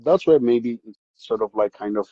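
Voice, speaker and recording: A man's voice: medium pitch, moderate pace, no room sound, highs cut off. A man from South Africa with a South African accent, a podcast guest talking casually about his upbringing with lots of repeats and restarts. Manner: animated storyteller, many repeated words and restarts. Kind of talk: casual interview chat.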